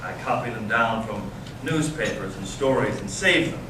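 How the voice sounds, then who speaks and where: A man with a fairly low, expressive voice close to his everyday one plays a bitter, intense young Russian intellectual brother in a staged readers theater reading. The character is searching and provocative, and he speaks deliberately and earnestly, with dramatic pauses, in a grave, indignant mood. The noisy amateur recording is very echoey and distant, with clear background noise.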